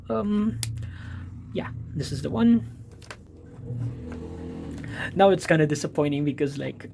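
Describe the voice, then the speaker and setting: In this art supplies vlog, a male vlogger from the Philippines speaks with a Filipino accent in a slightly high, gravelly, dark voice over faint background noise. His casual talk wanders, full of fillers, self-corrections, and little apologies.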